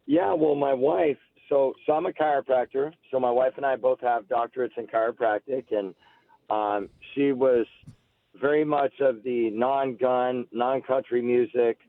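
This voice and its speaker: On a muffled, lo-fi call-in radio line, an American man in his 40s shares casual personal stories as a guest; he is a political candidate. He was born in Alabama and grew up near Seattle. His voice is mid-range, and the dry, narrow-band sound carries no room tone.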